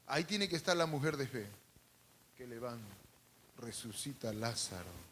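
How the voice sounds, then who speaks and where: A man preaching a sermon to a congregation, calling out for responses, adding humorous asides, and swinging between loud and hushed. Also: mid-range voice, sing-song, moderate pace, a little hiss or hum. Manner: calls out to the congregation and asks for responses. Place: church service.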